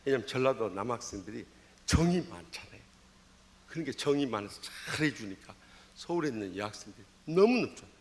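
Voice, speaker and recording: A man's voice: medium pitch, sing-song, fast talker. A man in his sixties with a Jeolla accent, a pastor telling a personal story in a dawn sermon with dramatic swings of voice. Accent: Jeolla Korean. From Jeolla, Korea. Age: 60s. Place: church sanctuary.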